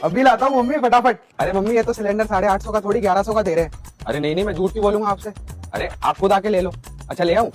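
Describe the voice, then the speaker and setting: A man playing a sly son who makes quick excuses to pocket the errand money. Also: high voice, faint music behind, natural voice.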